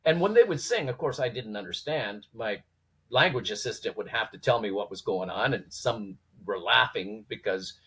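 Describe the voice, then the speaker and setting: A man with a slightly husky voice telling stories conversationally as a guest, informally acting out quoted dialogue and posing rhetorical questions. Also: on the low side, animated, normal speed, fairly bright tone, rough recording. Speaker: podcast guest, former police trainer. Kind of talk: animated conversational storytelling.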